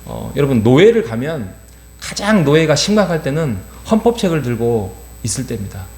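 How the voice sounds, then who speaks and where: A man's voice: mid-range voice, big pitch swings, a little fast, a little mellow. A middle-aged man preaching an early-morning sermon in a church, earnest, with many fillers and rhetorical questions. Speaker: pastor. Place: church sanctuary. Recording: roomy church sound with faint hum.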